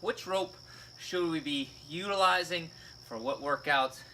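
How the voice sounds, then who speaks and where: A man's voice: fairly high pitch, unhurried, pushed and bright, a little hiss or hum. A man giving a casual fitness lesson, explaining step by step and checking in with "right?" and "okay?". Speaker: fitness coach. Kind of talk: casual instructional video.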